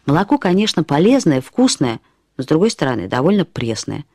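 Low-voiced and a bit fast with a breathy edge, an actress fully inhabits the narrator of a dramatized literary piece, a woman musing wryly about her flighty, dramatic friend. It's a studio radio play with faint music and no echo, delivered in an expressive, conversational storytelling manner.

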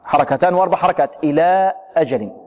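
A man teaching the rules of Quran recitation, asking questions and answering them himself, with slow, drawn-out recited examples. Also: fairly high pitch, darkish tone, in a large hall. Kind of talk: tajwid lesson with recited examples. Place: radio broadcast studio.

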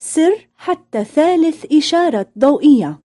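High, lilting, mellow female lesson reader. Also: expressive. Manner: deliberate repetition-drill delivery. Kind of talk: scripted phrasebook narration.

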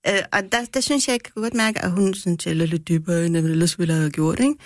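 A woman's voice: fairly low pitch, a little mellow, no echo, studio quality. A woman guest in a casual radio discussion, explaining her views at length with many restarts. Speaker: guest critic who speaks Russian.

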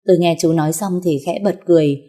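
Calm low-voiced woman storyteller. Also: quick pace. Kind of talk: first-person audio story narration.

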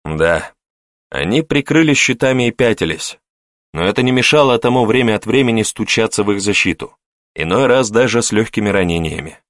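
A man reading an adventure novel aloud as an audiobook narrator, with steady, measured storytelling. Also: on the low side, no room sound, clean studio sound. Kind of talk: scripted narration.

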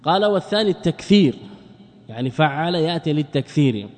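A man's voice: a little high, animated, quick pace, a little mellow, in a large hall. A male sheikh teaching a grammar lesson, often asking and answering his own questions and repeating words for emphasis. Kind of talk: classroom lecture on Arabic grammar.

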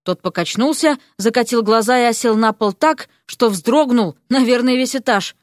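A woman reading a fantasy story aloud with lively, expressive narration. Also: fairly high pitch, normal speed, dry recording, studio quality. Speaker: audiobook narrator.

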